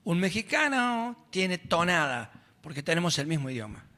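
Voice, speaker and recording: Animated man with a Córdoba lilt. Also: sits high, moderate pace. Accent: Cordoba Argentine Spanish. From Córdoba, Argentina. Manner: emphatic and insistent about correct speech.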